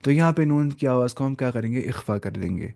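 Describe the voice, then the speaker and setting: A young man teaching a live online Quran reading lesson. He spells out letters and vowel marks slowly, blends them into words, and asks and answers his own questions. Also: mid-range voice, lively intonation, creaky, darkish tone.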